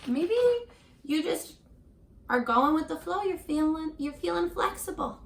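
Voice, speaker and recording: Speaking straight to young children like a teacher, a woman slowly reads a picture book aloud in a high-pitched, gravelly yet very bright voice. She stays expressive and encouraging, breaking off for small questions and asides, while the room lends a roomy echo.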